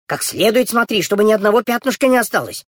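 Woman voicing little girl, bossy, quick-witted, high bright childlike voice, dry close sound. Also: animated, dry recording, natural voice. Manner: bossy, coaxing, fast childlike talk.

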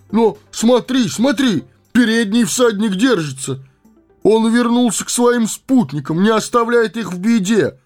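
A man's voice: fairly high pitch, dark tone, voice pushed up. A man voicing an earnest, loyal male fortress guard who speaks urgently.

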